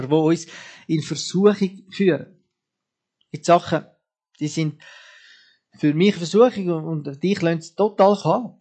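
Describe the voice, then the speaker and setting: A man's voice: high-pitched, darkish tone, slightly rough. A man preaching a sermon, talking straight to his listeners and firing off repeated questions at them.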